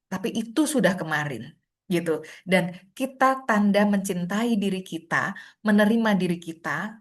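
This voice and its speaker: Middle-aged female psychologist, low-ish voice, gentle explanatory webinar talk on a video call. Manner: gentle, explanatory, many "gitu ya" tags. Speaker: clinical psychologist speaker. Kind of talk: webinar lecture.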